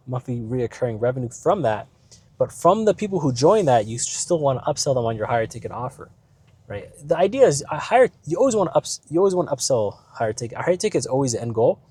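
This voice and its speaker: His mid-range voice husky and a little mellow, a business vlogger chats casually while driving. He's ill, his voice is starting to fail, and he rambles with plenty of fillers and asides, often tossing in "right?"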